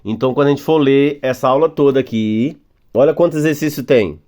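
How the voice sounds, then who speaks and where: A man with a Brazilian Portuguese accent, teaching a recorded English grammar lesson for beginners and patiently repeating words slowly. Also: mid-range voice, dark tone.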